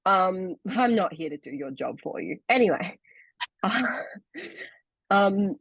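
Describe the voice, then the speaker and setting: Her mid-range voice is gravelly and husky, animated yet slow, on a dry and dull-sounding recording. She is a young actor co-hosting a podcast, chatting casually over a video call and explaining things at length with many fillers.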